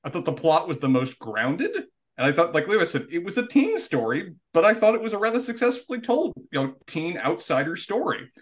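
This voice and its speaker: Lively, higher-voiced man analyzing a film. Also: fairly quick. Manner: analytical, stumbling restarts. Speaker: podcast co-host. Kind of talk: casual podcast chat.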